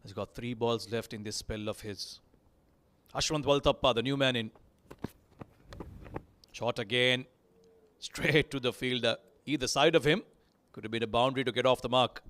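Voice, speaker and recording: A man from Sri Lanka with a Sri Lankan accent, giving lively live cricket commentary that rises on big moments. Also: mid-range voice, normal speed, pauses often, smooth.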